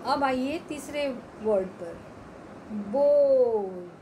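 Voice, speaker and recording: Woman teacher for small kids, high voice, very slow drawn-out drills, faint hiss behind. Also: lively intonation, darkish tone, poor audio. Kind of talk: Hindi phonics lesson for young children.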